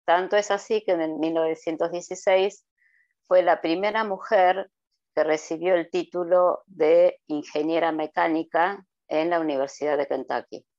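A middle-aged Argentinian woman, a guest presenter, explains things on a podcast over a video call, hesitating often with fillers. Her voice sits on the low side, slightly mellow, with fairly even intonation and a moderate pace. The recording is dry and lo-fi.

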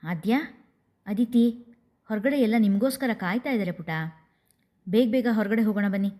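A woman voicing a warm, motherly middle-aged aunt who coaxes two tearful sisters in a storybook reading. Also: medium pitch, normal speed, lightly acted. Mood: coaxing.

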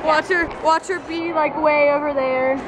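Walking through a large indoor shopping mall, a young American woman vlogs to a handheld camera held at arm's length, chatting in a loud, rambling, informal way. Her voice is high with fairly even intonation at a moderate pace, and a busy, noisy mall crowd surrounds her.

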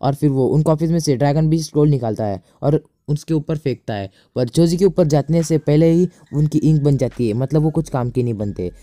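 A man's voice: a little high, brisk, few pauses, warm tone, dry recording. A young man narrating an anime episode recap, plainly retelling the plot and reading out the characters' lines. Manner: plain storytelling, reads out quoted dialogue.

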